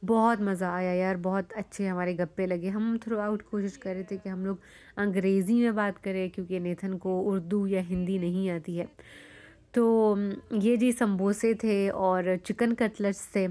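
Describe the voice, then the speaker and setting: Young Pakistani woman, casual vlogger, chatty and animated, loose and friendly delivery. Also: mid-range voice, a little slow. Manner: chatty, animated storytelling with many fillers. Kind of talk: casual vlog narration.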